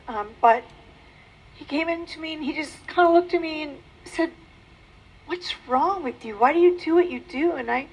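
A woman giving an earnest, emotional personal testimony, speaking haltingly with many restarts. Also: high-pitched, rough recording. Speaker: former adult-film performer giving a testimony.

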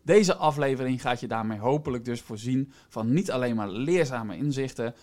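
A man's voice: medium pitch, lively intonation, normal speed, a little mellow. A man hosts a podcast, explaining things in a semi-scripted way and addressing the listener directly. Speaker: podcast host.

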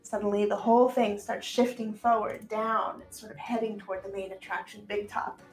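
A woman with a medium-pitched, level voice and moderate pace hosts and narrates an improvised tabletop game as game master. Her style is casual and encouraging, and the room is echoey with music playing behind her.

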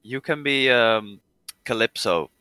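A man's voice: mid-range voice, expressive, slow pace, sharp tone, smooth. A young man chatting with friends on a podcast, dropping in blunt, dry remarks. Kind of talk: casual chat among friends.

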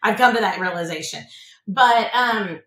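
A woman's voice: mid-range voice, moderate pace, fairly bright tone, echoey room, low-quality recording. A woman who owns an insurance agency, a podcast guest talking about her work in an earnest, motivational way and often repeating words as she starts a thought. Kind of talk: casual interview chat.

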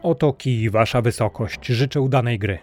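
Brief: male narrator playing an unflappable storybook healer, steady and mellow. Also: mid-range voice, moderate pace, soft background music, close to an everyday voice. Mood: assured. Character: calm, confident wandering male physician.

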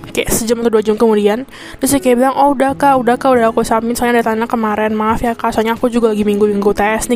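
A woman's voice: on the high side, darkish tone. A young woman with Jakarta slang, venting in a rambling, chatty monologue full of self-corrections. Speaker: podcast host.

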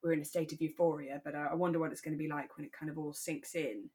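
A British woman with a slightly low voice co-hosts a relaxed podcast recapping a radio drama. She retells and comments expressively and quickly, like in an easy chat.

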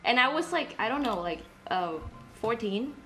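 A woman's voice: on the high side, lively intonation, moderate pace, sharp tone, soft background music. A young woman from Indonesia co-hosting a podcast, talking bluntly, swearing freely and mixing in Indonesian words. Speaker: podcast co-host. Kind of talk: casual chat.

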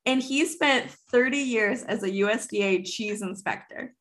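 A woman's voice: a little high, moderate pace, fairly bright tone. A young woman co-hosting a casual podcast, explaining at length with plenty of fillers. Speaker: podcast co-host.

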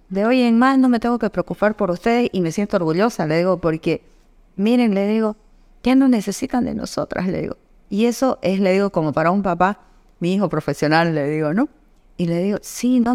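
A woman on a podcast telling stories from her work, acting out the dialogue with big pitch jumps. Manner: animated storyteller, acts out quoted dialogue with pitch jumps. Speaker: guest. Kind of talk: conversational podcast storytelling. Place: indoor podcast studio.

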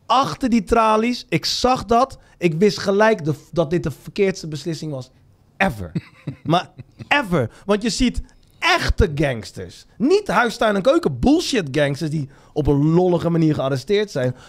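A man's voice: high-pitched, big pitch swings, a little slow. A man hosting a bar podcast, telling a story casually with slang and laughter. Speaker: podcast host.

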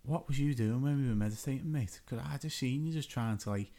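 A young man telling a story in casual chat, animated and laughing often, acting out what other people said. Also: medium pitch, quick pace.

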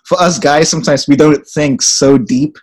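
Here the same kind of speaker comes through on a poor-quality recording: a young podcast guest born in Ghana and brought up in England. His voice is a little high and husky, at a moderate pace. He's easygoing and talkative, laughing often and filling gaps with um.

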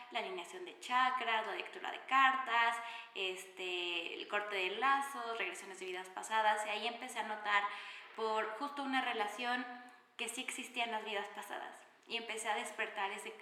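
A young woman from Mexico City with a Mexican Spanish accent, hosting a podcast and chatting enthusiastically about her own story. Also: mid-range voice. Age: young adult. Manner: chatty, warm-hearted and enthusiastic, many fillers. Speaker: podcast host. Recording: echoey room with reverb.

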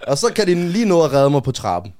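A young man from Amager, Denmark, telling a personal story in a casual chat, animated and often checking that the listener follows. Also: on the high side. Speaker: guest, rapper.

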